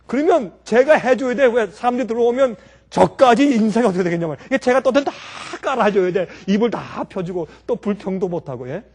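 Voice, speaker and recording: Fast, high-voiced pastor preaching. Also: male voice. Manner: conversational preaching with rhetorical questions to the congregation; lively, acts out everyday scenes and quotes. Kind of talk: sermon.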